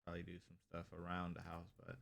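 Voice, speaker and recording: A man's voice: deep voice, monotone, a little fast, vocal fry, a bit bright. A man co-hosting a podcast in casual chat, rambling with lots of fillers and sounding tired. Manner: rambling, heavy use of filler "like". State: tired, yawning. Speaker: podcast co-host.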